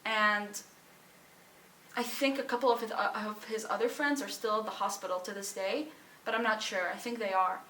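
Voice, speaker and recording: Young woman from Syria, bright voice, halting emotional testimony, echoey room a bit off-mic. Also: mid-range voice, fairly even intonation, distant mic, slight background noise. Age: young adult. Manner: halting and emotional, with pauses, sighs and restarts. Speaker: student sharing her story. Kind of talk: personal testimony.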